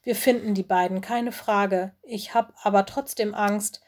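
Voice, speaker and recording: A woman's voice: medium pitch, fairly even intonation, a little slow, a little mellow, lightly acted. A woman voicing an earnest, brave but anxious young male forest-school animal. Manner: earnest, determined.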